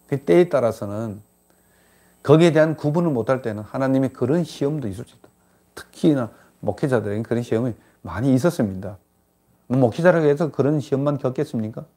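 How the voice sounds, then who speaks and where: An older man delivers a sermon from the pulpit in a gravelly, husky voice. He preaches emphatically, his voice rising sharply on key points and posing rhetorical questions. His pitch sits in an ordinary middle range. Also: dark tone. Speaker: pastor.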